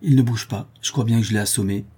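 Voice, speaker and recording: A man's voice: on the low side, fairly even intonation, fast, warm tone, husky. A man voicing a blunt, jovial craftsman in a spoken storybook, with a wry way of talking.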